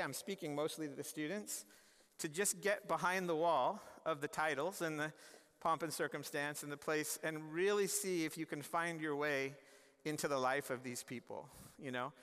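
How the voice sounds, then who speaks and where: A man in his forties gives a chapel address in an earnest, conversational way, often restarting his sentences. His voice sits a little high for a man. A long reverb from the large hall trails each phrase. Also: a bit bright, smooth. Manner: gestures and moves about the stage. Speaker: chapel speaker. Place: large university chapel stage.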